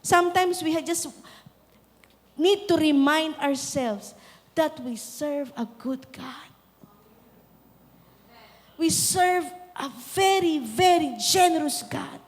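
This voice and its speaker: High-voiced Filipina woman preaching in a hall. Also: slow pace, long pauses. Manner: preaching in mixed Tagalog and English, building to shouted exhortation. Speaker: pastor. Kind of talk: sermon. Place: large church hall. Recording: reverberant hall.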